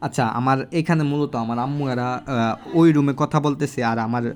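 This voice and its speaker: Guy teaching at home on his phone, says each sound over and over as he writes, mid pitch. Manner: repeats syllables slowly while writing. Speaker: language teacher. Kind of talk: casual handwriting lesson. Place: home room.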